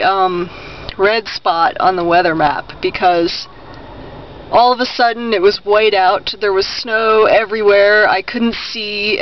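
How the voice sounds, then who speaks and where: A dull, noisy recording from inside a car carries a man's high voice. He speaks slowly and quietly, as one does late at night, in a casual, subdued personal monologue.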